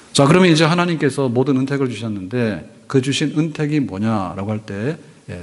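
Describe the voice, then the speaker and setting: A man's voice: on the low side, darkish tone, husky. A man preaching a sermon as a pastor, speaking in a conversational way, with everyday anecdotes and rhetorical questions. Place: church sanctuary. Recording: church hall reverb.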